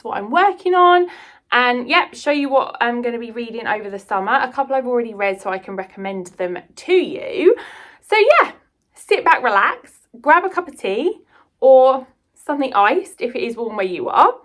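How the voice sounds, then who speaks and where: This British woman, a writer who vlogs about books, rambles on to her audience with casual enthusiasm. She speaks in a high, fairly bright voice.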